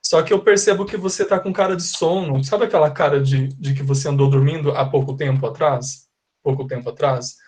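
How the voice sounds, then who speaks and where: A Brazilian Portuguese-speaking man teaching an English lesson live to his class, his voice sitting slightly higher than most men's. He explains step by step, repeats his examples and keeps asking whether everyone has understood. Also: fairly even intonation, fairly quick, a little mellow. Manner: patient, repetitive, checks understanding often.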